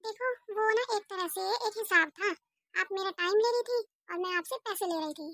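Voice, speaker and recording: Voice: extremely high pitch, moderate pace, pushed and bright, dry recording, studio quality, full character voice. A performer voicing a wheedling adult neighbor woman in a cartoon who keeps borrowing money with sweet pleading. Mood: sweet-talking. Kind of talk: cartoon voice acting.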